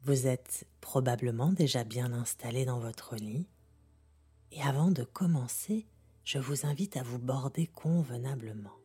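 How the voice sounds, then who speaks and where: A woman softly guiding a sleep meditation like a sleep story narrator, half-whispering in a calm, gentle, unhurried way. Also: rumbling low. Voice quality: soft, breathy, half-whispered. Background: music.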